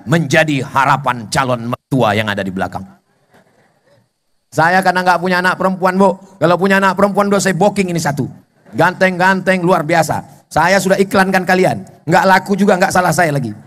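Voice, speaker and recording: A middle-aged Indonesian man preaching a sermon to a gathering, swinging from shouting to low joking asides.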